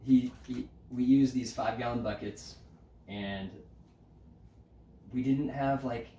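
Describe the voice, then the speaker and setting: A man from the United States, a podcast guest and climbing route setter, telling stories in a casual, animated way with frequent laughs and lots of "like" fillers. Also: medium pitch, slow pace, recorded from a distance. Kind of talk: casual conversational storytelling. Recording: roomy, off-mic, faint background noise.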